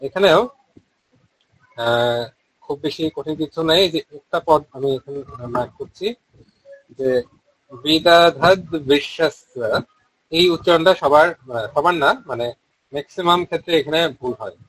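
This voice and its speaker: Bengali-accented male teacher, fairly high voice, chants syllables slowly and steadily, dry close sound. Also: fairly bright tone, dry recording, rough recording. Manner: explains quickly, then chants syllables slowly and drawn out. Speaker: Vedic recitation teacher. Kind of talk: online pronunciation lesson.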